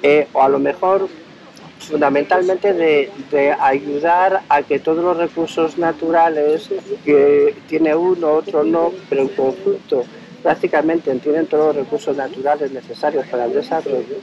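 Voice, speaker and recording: A man's voice: on the high side, fairly even intonation, normal speed, darkish tone. A man from Spain conducting a street interview outdoors, asking leading questions and explaining his points at length. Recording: dull audio with faint street noise.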